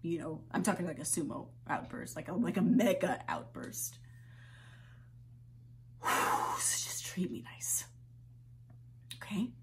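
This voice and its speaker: A young woman performing a dramatic monologue as a hurt, exasperated daughter who cares for her mother, speaking in a halting, pleading, volatile way. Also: medium pitch, lively intonation, slight background noise, lightly acted. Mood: quiet pleading. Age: young adult. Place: indoors, small room with plain backdrop.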